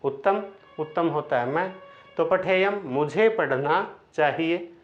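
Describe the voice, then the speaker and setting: A male Sanskrit teacher talks at a very slow, deliberate pace, drilling verb endings one by one. His voice sits a little high and he explains each step patiently, asking little questions back. The recording is dull and lo-fi. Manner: chants verb forms in slow repeated drills. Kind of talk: slow classroom-style grammar lesson. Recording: dull lo-fi sound.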